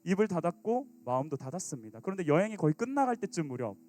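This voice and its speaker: A man in his thirties preaching a youth sermon as pastor, acting out sulky teens and quoted lines with big swings in his voice. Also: quick pace. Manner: animated, acts out teen sulking and quotes with big pitch jumps.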